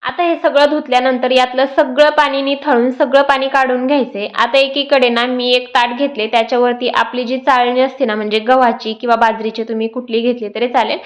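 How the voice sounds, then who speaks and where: A woman's voice: high voice, flat delivery, brisk, few pauses. A young woman, a mother, explaining a homemade baby food recipe step by step in her home cooking vlog. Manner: sing-song baby talk to her child. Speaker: vlogger mother.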